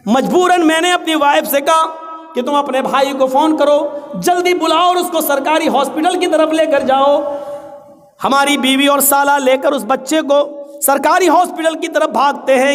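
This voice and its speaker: A man's voice: extremely high pitch, fairly bright tone. A man preaching a sermon with impassioned delivery, chanting scripture verses in between. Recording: echoey hall.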